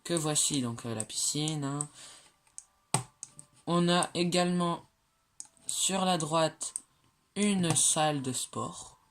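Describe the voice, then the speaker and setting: A speaker gives a relaxed walkthrough of their own game builds, mid-pitched and full of pauses, fillers and quick self-corrections. The talk stays chatty and jokes at its own slips. Faint clicking and typing on a computer sit behind the voice. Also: slight background noise. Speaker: game creator showing builds.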